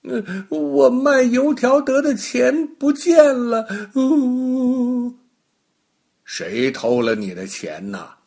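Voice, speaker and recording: A man voicing a crying poor little boy, high and tearful. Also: very animated, very slow, vocal fry, darkish tone, heavily acted.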